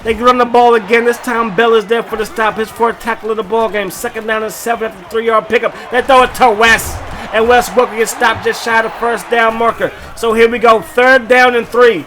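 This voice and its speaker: A man giving lively, joking play-by-play commentary over a football video game, often bursting into shouts. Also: very high-pitched, brisk, slight background noise. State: short of breath at times. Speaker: gaming YouTuber.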